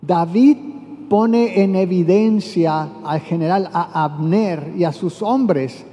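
Guy preaching a sermon, kinda high voice, lots of reverb like a big church hall. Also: takes it slowly, dark tone. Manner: retells scripture, voicing quotes with rising emphasis.

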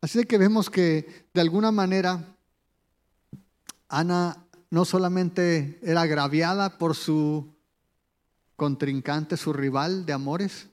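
A high-pitched man delivering a sermon. He preaches conversationally, often turning to ask the listener questions. His voice carries a long reverb, as if filling a large hall. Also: steady tone, slow.

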